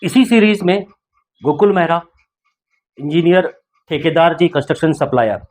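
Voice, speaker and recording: A man's voice: on the high side, moderate pace. Encouraging male podcast host. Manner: encouraging, preachy. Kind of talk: motivational interview talk.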